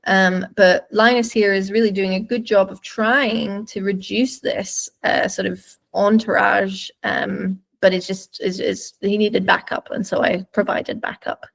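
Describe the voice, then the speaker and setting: A woman's voice: mid-range voice, level tone, a little slow, creaky, hardly any pauses. A woman dog trainer giving webinar commentary over videos, explaining thoughtfully and searching for words as she goes.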